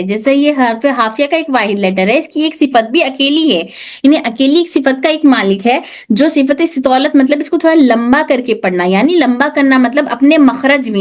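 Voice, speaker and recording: Brief: female tajweed teacher, high voice, patient drilling of sounds. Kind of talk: online class lesson.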